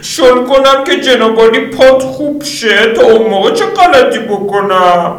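Man putting on a shrill, furious foul-mouthed woman. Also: animated. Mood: angry, demanding. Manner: shrill, yelling insults. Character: foul-mouthed hot-tempered lustful woman. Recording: roomy, distant mic.

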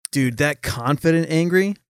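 A man hosting a casual chat, reacting briefly and speaking in slow, halting phrases. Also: on the high side, smooth, dry recording, studio quality.

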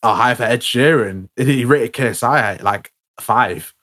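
A young man, talking casually about music with a friend. He stumbles, restarts and repeats words often, padding his speech with fillers. His voice sits at an ordinary middle pitch. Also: unhurried, a bit bright.

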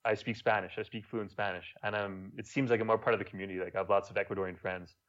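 He talks fast, with a fairly low pitch, fairly even intonation, and a fairly bright tone, in a French Quebec accent. This young Montreal YouTuber is a guest on a casual podcast, telling relaxed stories and swearing now and then. The recording's highs are cut off.

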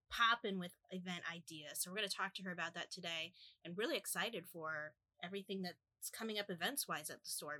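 A woman's voice: medium pitch, bright, forceful tone, no echo. A woman co-hosting a casual podcast, teasing her co-hosts. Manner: teasing, brisk. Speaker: podcast co-host, bookstore staff.

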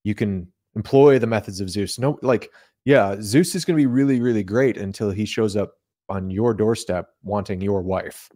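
Speaking at a moderate pace in a low, mellow voice, this podcast guest keeps things colloquial during a casual talk about theology. He explains ideas and tends to act out imagined remarks.

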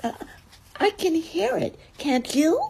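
Small timid boy piglet for a storybook, woman performer: very high, breathy squeal, stammering, gasping, easily panicked. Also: very animated, unhurried, warm tone. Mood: nervous, fearful. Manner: stammering, gasping, repeating words. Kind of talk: storybook character voice.

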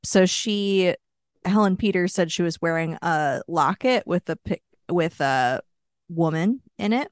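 A woman's voice: lowish voice, a little slow, no room sound, clean studio sound. A woman co-hosting a casual podcast chat, telling a story at length with many fillers and wry asides. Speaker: podcast co-host.

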